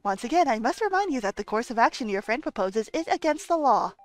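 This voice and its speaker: A woman voicing a polite, prim male robot butler from a game, giving formal, measured instructions. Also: fairly high pitch, very animated, soft background music. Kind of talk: reading game dialogue aloud.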